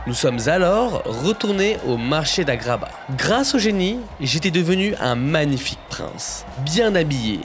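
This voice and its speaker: Man as young adventurer, high-voiced, vividly storytelling over music. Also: unhurried, hardly any pauses. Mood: expressive narrating. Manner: expressive, suspenseful storytelling. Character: young Aladdin, poor adventurer telling his story. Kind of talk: dramatic scripted first-person storybook narration. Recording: music bed behind narration.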